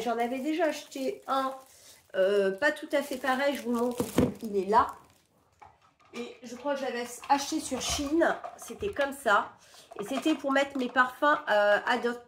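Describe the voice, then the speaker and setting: Chatty French woman, a little high-pitched, sick and stuffy, casual haul talk at home. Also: slight background noise. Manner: chatty, rambling, many fillers. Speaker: vlogger showing a shopping haul. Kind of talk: casual haul chat to camera.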